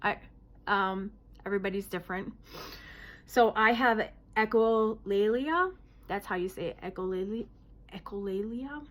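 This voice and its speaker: A woman's voice: medium pitch, unhurried, pauses often, a bit bright. A woman vlogger talking casually to the camera, explaining things plainly with many hesitant fillers.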